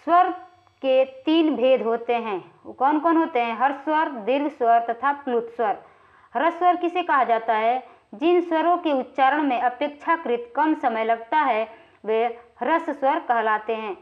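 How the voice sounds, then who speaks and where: A woman with a high voice gives an exam-prep grammar lecture, working through quiz questions one by one. She explains patiently and often pauses to check that her students are following. The recording sounds a little dull and lo-fi. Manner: explanatory, frequently checks in with "ठीक है" and draws vowels out when naming sounds. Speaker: Hindi grammar teacher.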